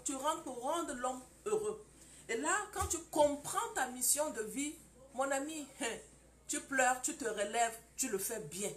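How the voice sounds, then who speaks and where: A woman teaching a preaching-style lesson, emphatic and animated, acting out scenes. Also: sits high, a little hiss or hum. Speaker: founder of a marriage school for women.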